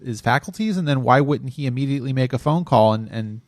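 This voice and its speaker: Male podcast co-host, animated critical chatter, stumbling restarts, dry close sound. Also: mid-range voice, fast talker, dry recording. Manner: animated, repeats words when restarting. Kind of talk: casual critical chat.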